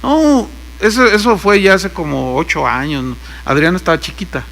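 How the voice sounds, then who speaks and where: High bright gravelly Mexican pastor. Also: male voice, moderate pace. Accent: Mexican Spanish. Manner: storytelling, acts out dialogue, joking asides. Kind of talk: sermon with anecdotes.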